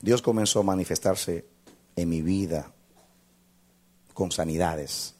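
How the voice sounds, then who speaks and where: A male pastor telling a testimony in a sermon, dramatic, swinging from loud to hushed. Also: low voice, takes it slowly.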